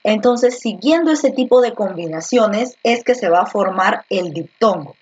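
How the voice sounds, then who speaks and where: A woman's voice: mid-range voice, animated, measured pace, a little mellow, breathy edge, dull audio. A woman teacher explains a grammar lesson step by step, asking questions and answering them herself.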